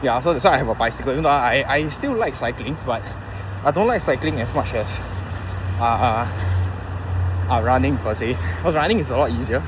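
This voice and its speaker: Singaporean guy in his 30s doing a casual vlog, halting and thinking out loud, traffic noise behind him. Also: medium pitch, expressive. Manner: informal, halting, thinking aloud. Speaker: running vlogger. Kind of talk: casual rambling vlog chat. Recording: clear outdoor traffic and vehicle noise.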